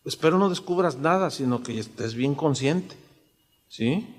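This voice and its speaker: A pastor in his sixties with a Mexican accent preaches conversationally and keeps asking his listeners rhetorical questions. His voice is high for a man, and the long reverb of a church hall follows every phrase. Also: lively intonation, unhurried. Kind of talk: sermon.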